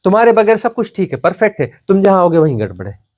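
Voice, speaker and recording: A spiritual teacher delivers a satsang discourse in a high, sing-song voice at a fast pace. He is emphatic and repetitive, drawing phrases out and letting them fade to a hush.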